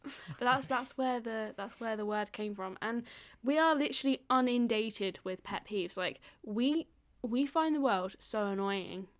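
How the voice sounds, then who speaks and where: A woman's voice: fairly high pitch, measured pace. A woman co-hosting a casual podcast, explaining things at length with frequent fillers and laughter. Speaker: podcast co-host.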